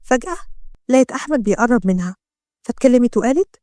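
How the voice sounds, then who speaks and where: Brief: Egyptian woman storyteller, fast dramatic narration, fairly high, dry close sound. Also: animated, a little mellow, no room sound. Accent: Egyptian Arabic.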